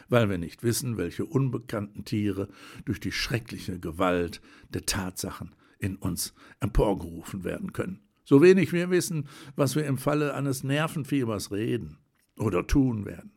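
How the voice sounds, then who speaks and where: A man narrating an audiobook with a steady, deliberate reading. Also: mid-range voice, vocal fry, breathy edge.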